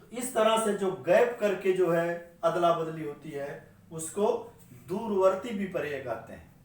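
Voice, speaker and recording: Slow teacher in a very echoey room. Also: male voice, high voice, animated. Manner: slow and repetitive, spelling out sounds. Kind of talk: explanatory lecture. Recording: very echoey room, mic far off.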